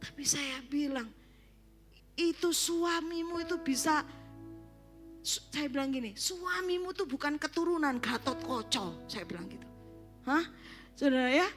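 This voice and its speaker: Woman pastor, bright forceful sermon voice, conversational with humor. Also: sits high, lively intonation, measured pace, pauses often, faint music behind. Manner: conversational preaching with joking asides. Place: church service.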